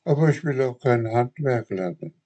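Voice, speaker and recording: A man's voice: medium pitch, animated, moderate pace, mellow, lo-fi sound, voice pushed up, natural voice. A man voicing an eager wooden puppet boy. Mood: pleading. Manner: pleading, raised and eager.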